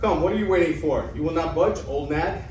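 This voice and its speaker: In an amateur reading of a classical comedy, a man plays a crafty, mocking old Greek father with pompous theatricality, sounding scornful and self-important. His voice sits on the high side with a darkish tone, moves fairly quickly, and is only lightly acted. The recording has an echoey room, a distant mic and faint noise.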